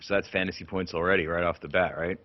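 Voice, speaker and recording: A man's voice: low-pitched, fairly even intonation, quick pace. A man co-commentating a video game match in a chatty way, asking questions. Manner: chatty, asks questions, laughs easily. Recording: dull lo-fi audio.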